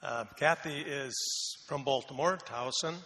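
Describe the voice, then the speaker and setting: Interviewed in the echoing hall of a church sanctuary, a Faroese missionary Bible translation consultant in his sixties speaks in a mid-range voice. He's easygoing and jokey, pausing often and leaning on fillers.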